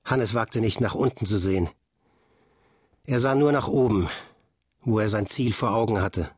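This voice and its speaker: A man reading a children's story aloud in a calm, measured storytelling manner. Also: fairly low pitch, breathy edge, no room sound, studio quality. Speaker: audiobook narrator. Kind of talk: scripted audiobook narration.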